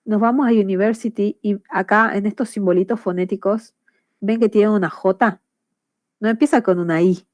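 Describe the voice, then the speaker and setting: A woman's voice: mid-range voice, darkish tone, no echo. Woman teacher, patient and explanatory, dry close sound. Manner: patient and explanatory, with frequent checks for understanding. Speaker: English teacher. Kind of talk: explaining grammar in a class.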